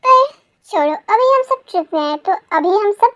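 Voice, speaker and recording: A woman's voice: extremely high pitch, lively intonation, normal speed, a bit bright, no room sound, studio quality. A woman voicing a cheerful, friendly male college principal in a fan audio story. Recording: faint music underneath.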